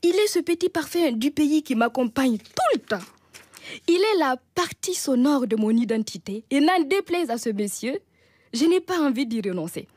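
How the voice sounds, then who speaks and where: A woman's voice: sits high, expressive, normal speed, a little mellow. A woman with a Burkinabè accent reading a humorous radio column in a wry, teasing way, chuckling often. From Burkina Faso.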